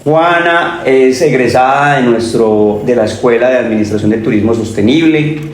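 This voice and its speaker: A man with a Colombian accent from Pereira hosts a relaxed podcast interview, asking questions and affirming answers with short interjections. His voice is mid-pitched and sits in a reverberant room. A faint hum runs behind him. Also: normal speed. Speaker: university dean and podcast host. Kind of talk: conversational interview. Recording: echoey room with faint ambience.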